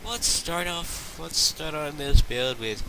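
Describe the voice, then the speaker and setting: A man giving casual, rambling commentary while playing a building game, halting often with fillers and restarts. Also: fairly high pitch, background noise. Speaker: gaming channel host.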